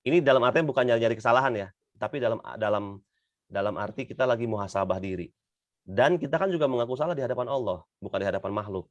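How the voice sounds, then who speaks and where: A male religious motivational speaker gives an Islamic talk to an audience in a conversational way, tagging sentences with small fillers and often repeating "gitu ya." His mid-range voice is expressive and quick, with no echo and a dull sound.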